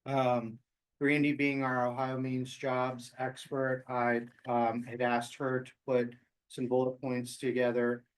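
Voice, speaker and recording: Halting mid-pitched American man at a meeting. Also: monotone, smooth, poor audio. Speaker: county agency official. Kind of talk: informal remarks at a public meeting.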